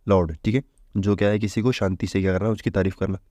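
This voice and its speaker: This relaxed Hindi exam-prep vocabulary lesson comes from a man with a low, mellow voice who talks fast and chattily, forever posing questions only to answer them himself. His audio sounds dry and close to the mic, with no room sound.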